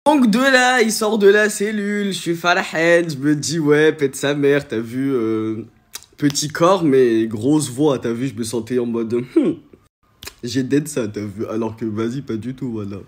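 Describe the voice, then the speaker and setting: Speaking casually and with plenty of slang, a young influencer shares a personal story with his followers. He alternates between loud bursts and quiet mutters, keeping an unhurried pace.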